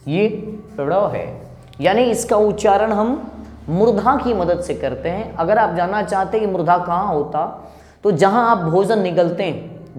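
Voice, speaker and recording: A man teaching students how to pronounce sounds, slowly drawing out each example as he demonstrates it. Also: sits high, darkish tone. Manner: slow, drawn-out demonstration of sounds. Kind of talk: pronunciation lesson. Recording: echoey room with long reverb.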